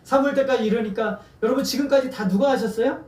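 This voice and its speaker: A man's voice: very high-pitched, quick pace, darkish tone. A man preaching a sermon as pastor, asking the congregation questions and having them answer back. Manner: asks the congregation questions and has them repeat words. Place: church sanctuary. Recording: echoey church from far off.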